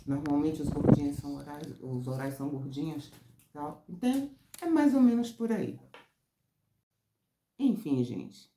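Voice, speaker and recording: A Brazilian woman therapist talks her viewers through a lesson in a loose, expressive way. Her voice is mellow and gravelly. The room around her rings with a noticeable echo. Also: unhurried, a little hiss or hum. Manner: expressive, rises high and loud when excited. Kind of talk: casual teaching talk. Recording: roomy echo.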